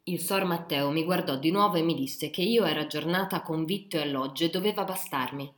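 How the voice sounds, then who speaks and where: A woman narrating a literary novel in a calm, measured audiobook reading. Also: deep voice. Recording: roomy echo.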